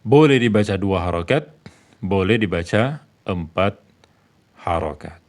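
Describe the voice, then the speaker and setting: A man's voice: low voice, animated, a little slow. A man teaching a tajwid lesson, patiently repeating each point and posing and answering his own questions. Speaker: Quran recitation teacher.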